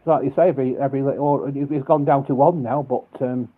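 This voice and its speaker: A man hosting a casual live stream, talking haltingly and repeating words as he restarts sentences. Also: medium pitch, steady tone. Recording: tinny phone-like sound.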